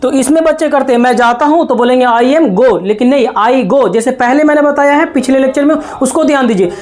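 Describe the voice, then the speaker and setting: High-voiced woman teaching grammar. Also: darkish tone. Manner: slow, repetitive, checks understanding often. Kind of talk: classroom lesson explaining grammar.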